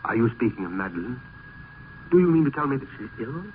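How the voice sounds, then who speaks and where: A man playing a weary, foreboding gentleman poet in a gothic radio drama, with formal, literary speech. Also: mid-range voice, very animated, fast talker, slight background noise, natural voice. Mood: concerned. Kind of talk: old-time gothic radio drama acting. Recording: muffled vintage radio recording, loud music.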